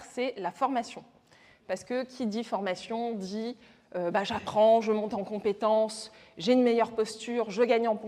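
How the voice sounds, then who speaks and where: A woman giving a lively, chatty conference talk with many fillers. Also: a little high. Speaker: conference speaker. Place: event stage. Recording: long reverb in a hall.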